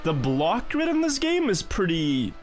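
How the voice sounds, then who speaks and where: A man's voice: high-pitched, huge pitch swings, measured pace, soft background music. A man streaming a game, telling rambling stories in casual chat and chuckling now and then. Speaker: gaming streamer.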